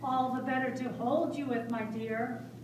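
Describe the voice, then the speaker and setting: A woman's voice: sits high, fairly even intonation, unhurried, darkish tone. Sly fairy-tale wolf voiced by a woman for puppet theatre, very echoey, picked up from far off. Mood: sly, menacing. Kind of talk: children's puppet show acting. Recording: roomy echo, distant mic, faint noise.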